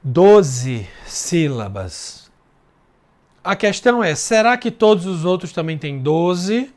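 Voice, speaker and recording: A male teacher from Brazil giving a literature lesson, slowly sounding out verse syllable by syllable and checking in with his students as he goes. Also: high voice, expressive. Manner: slow and patient, drawing out syllables while counting; checks in with tag questions.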